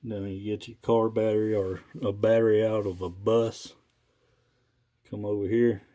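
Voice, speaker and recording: A man talking casually and haltingly as a radio hobbyist, in a laid-back, folksy, rambling way. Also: lowish voice, flat delivery, dark tone. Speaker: radio hobbyist video maker.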